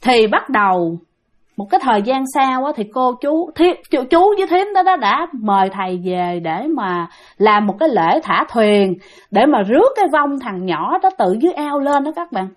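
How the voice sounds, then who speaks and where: High-voiced Southern Vietnamese woman storyteller. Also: very animated, moderate pace. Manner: chatty, keeps addressing listeners directly. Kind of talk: casual ghost-story telling.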